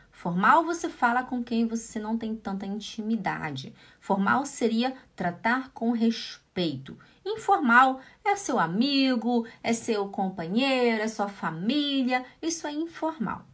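Lively woman teaching German. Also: a little high. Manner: lively, drills phrases slowly, often asks "né?". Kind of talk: live online language lesson.

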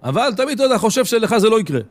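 Male rabbi, Israeli Hebrew accent, Torah lecture, storytelling manner, high-pitched voice. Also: very animated. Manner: storytelling, retelling others' words with frequent "he says".

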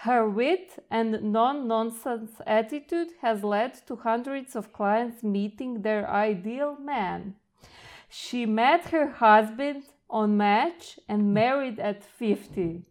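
A woman from Croatia hosts an interview at a slow, unhurried pace. Her voice sits a little high, and she talks in a gushing, hesitant way, full of fillers and restarts. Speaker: host.

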